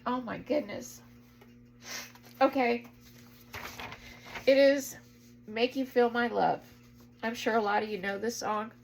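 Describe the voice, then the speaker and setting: A woman shares a heartfelt spiritual message in a vlog, her voice somewhat high and gravelly. She speaks with emotion and earnest urgency, pressing her listeners to act. A faint hum sits behind her. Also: steady tone, takes it slowly, long pauses, rough recording. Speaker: spiritual vlogger.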